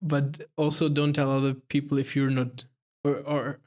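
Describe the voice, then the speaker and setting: A man hosting a podcast, asking questions in a casual, hesitant way with frequent pauses and restarts. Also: mid-range voice, little pitch movement, darkish tone. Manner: hesitant, many fillers and restarts. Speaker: podcast host. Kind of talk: casual interview.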